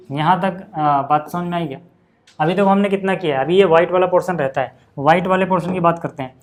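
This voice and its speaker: A man teaching maths at a board, chatty and explaining step by step, often asking if the class follows. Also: a little high. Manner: chatty, asks check-in questions.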